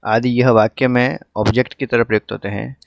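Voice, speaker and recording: A man's voice: medium pitch, little pitch movement, a little fast, vocal fry, highs cut off, slight background noise. A man teaching an online English grammar lesson, explaining patiently with frequent filler sounds.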